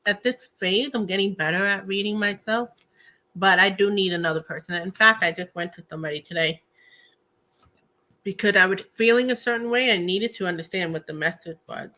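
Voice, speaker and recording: A woman's voice: mid-range voice, fairly quick, sharp tone. A woman hosting a show in a casual, conversational, slightly rambling chat style. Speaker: host of a tarot and spirit talk show.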